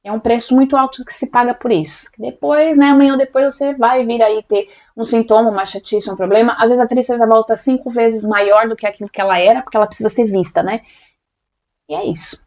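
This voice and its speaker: Reflective woman with a slightly high voice. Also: steady tone, fairly quick, darkish tone. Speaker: podcast co-host. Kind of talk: casual conversation.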